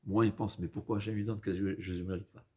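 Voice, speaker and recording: A man with a fairly low voice gives an informal religious lecture in French with a foreign accent, as a non-native speaker. He moves haltingly, repeating phrases for emphasis and dropping in Hebrew quotations. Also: flat delivery, a little mellow. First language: not a native French speaker. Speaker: rabbi giving a religious lesson.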